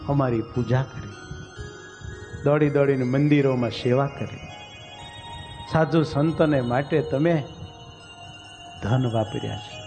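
A man voicing a divine lord who speaks in a reassuring, measured way. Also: mid-range voice, dark tone, natural voice. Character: calm, comforting divine lord.

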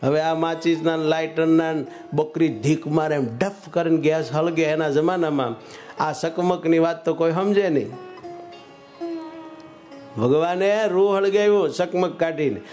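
A man, telling a devotional story as a sermon in a lively, folksy way and speaking straight to the devotees. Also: fairly high pitch, measured pace, faint music behind. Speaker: religious storyteller.

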